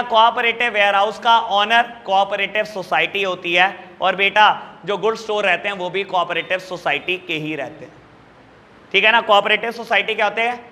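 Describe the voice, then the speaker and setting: A man teaching a commerce class, warmly calling his students "beta" and asking them questions that he answers himself. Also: high-pitched, big-room sound. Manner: affectionate, calls students "beta" and "babu" constantly. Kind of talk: classroom lecture.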